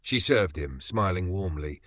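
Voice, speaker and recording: A man's voice: deep voice, expressive, a little slow, fairly bright tone, dry recording. A man narrating a dramatic story with an emotive storytelling manner.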